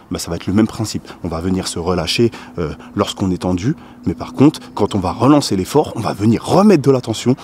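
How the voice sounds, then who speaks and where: A man with a fairly low voice coaches viewers through pull-up technique, explaining step by step. He keeps checking in with the listener and strains audibly while demonstrating. A faint hum sits behind him. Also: darkish tone. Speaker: fitness coach. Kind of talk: instructional fitness video.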